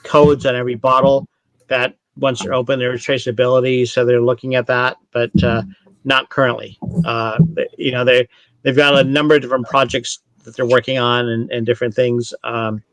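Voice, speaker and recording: A man's voice: medium pitch, flat delivery, moderate pace, fairly bright tone, no echo. Dry-sounding rambling Canadian-raised man. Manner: explanatory, rambling, with frequent self-corrections. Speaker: distillery brand ambassador. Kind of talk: casual online tasting chat.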